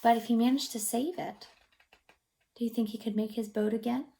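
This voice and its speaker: With a fairly high, fry-tinged voice and a fairly quick pace, a woman working as a childcare teacher reads a picture book to small children. Her storytelling is expressive and supportive, peppered with questions, and she frequently lowers to a near-whisper.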